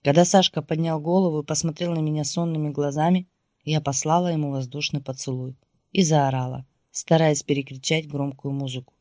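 A woman reading first-person audiobook narration in a steady storytelling voice. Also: deep voice, a little fast, no echo, studio quality.

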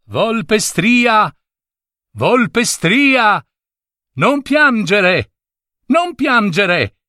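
A man voicing a gentle, protective old grandmother in a storybook tale, speaking in a soothing, reassuring way. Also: high-pitched, slow pace, smooth, dry recording, clean studio sound, voice pushed up, heavily acted.

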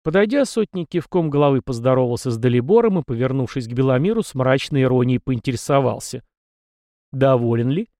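A man narrating an audiobook in a steady, even storytelling manner. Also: mid-range voice, quick pace, few pauses, no room sound, clean studio sound. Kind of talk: scripted narration.

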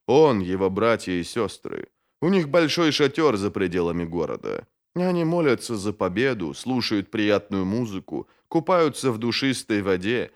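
A man voicing a weary old male mage who talks slowly, low and hushed.

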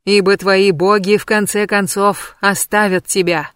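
A woman's voice: mid-range voice, little pitch movement, a bit bright, clear, resonant tone, no echo, clean studio sound, lightly acted. A woman voicing a hissing vengeful witch. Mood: chanting. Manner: slow, hissing, menacing. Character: vengeful witch woman, chanting dark prophecy.

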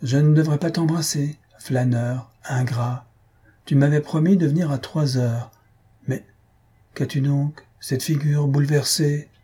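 A man's voice: on the high side, expressive, moderate pace, warm tone, slightly rough, pitched above the performer's own voice. A man doing a fussy scolding old aunt. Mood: fussing scolding. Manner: scolding, fussing. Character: fussy elderly aunt, affectionate yet scolding.

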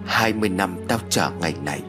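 A man's voice: low voice, quick pace, over music, close to an everyday voice. A man voicing a vengeful, gloating old female ghost in a spoken ghost story. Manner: menacing, gloating.

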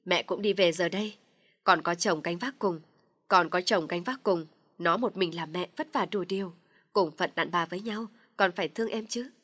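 A woman's voice: on the low side, normal speed, fairly bright tone, no echo. A woman voicing an older mother-in-law who lectures her daughter-in-law in an audio story. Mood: lecturing.

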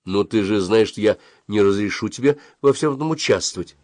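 A man voicing an anxious, scolding mother in an audiobook, pressing and shrill. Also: lively intonation, brisk, darkish tone, dry recording, studio quality, natural voice. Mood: worried scolding. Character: anxious, scolding mother, middle-aged woman. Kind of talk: audiobook character reading.

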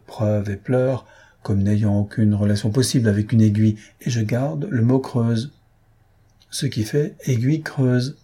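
A man voicing a sharp young male detective who reasons aloud step by step. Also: medium pitch, breathy edge.

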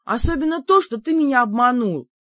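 Woman voicing shrill young heroine, pleading, raised voice, dull recording. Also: expressive, a little fast, a bit bright, no room sound. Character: exasperated young woman, loud and whiny.

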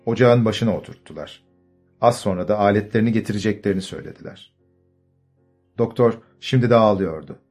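A male narrator reads an audiobook in a measured storytelling manner. His voice sits low. Faint music runs under the reading. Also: darkish tone. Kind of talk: scripted narration.

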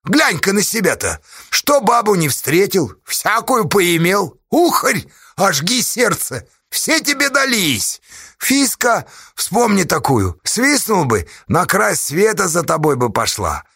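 A sly outlaw with a devil's grin, as a male reader plays him, jeering in a raised, gravelly voice that swings wide and lively. He is loud and accusing, his taunts landing hard in a bright, husky tone. It is a storybook villain, close and dry. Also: sits high, takes it slowly, dry recording, pitched above the performer's own voice, full character voice. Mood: mocking.

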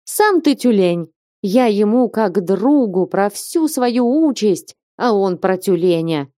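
A woman voicing an excitable, hot-tempered young merchant who gushes and exclaims to his friend. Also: medium pitch, unhurried, no room sound, clean studio sound, close to an everyday voice. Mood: exuberant. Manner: exclaiming, gushing.

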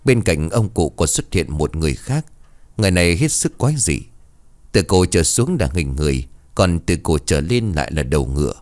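A man narrating a ghost story in an expressive, dramatic storytelling manner. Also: low voice, moderate pace, no room sound.

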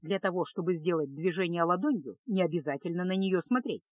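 A woman doing a low, gloomy male mage. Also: brisk, close to an everyday voice. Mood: calm lecturing. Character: gloomy male mage, calm, dry teacher.

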